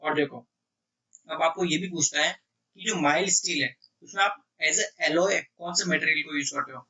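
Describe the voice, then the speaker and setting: A man teaching electrical engineering exam questions in Hindi mixed with English, who keeps checking "clear?" and reads the English questions out slowly. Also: a little high, pushed and bright, recorded from a distance, poor audio. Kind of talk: exam prep lecture.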